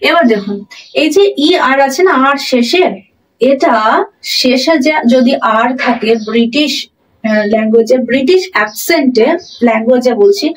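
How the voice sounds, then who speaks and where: A fairly high-voiced woman explains pronunciation as a teacher. She repeats each example word slowly and with care. Her voice sounds a bit distant from the mic.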